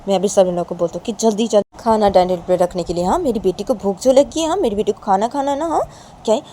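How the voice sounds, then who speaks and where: A woman's voice: medium pitch, quick pace, warm tone, slight background noise, natural voice. A woman voicing a doting middle-aged mother who has been crying and keeps coaxing her daughter to eat, repeating herself insistently. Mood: bustling.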